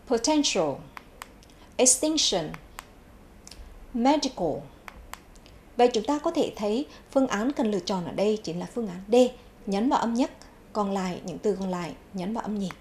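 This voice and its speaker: In a TV studio, a woman teaches an English vocabulary lesson on air, saying each English word twice and then giving its meaning in a clear, measured classroom style. Her voice sits in the mid range and is slightly mellow, with a little hiss or hum.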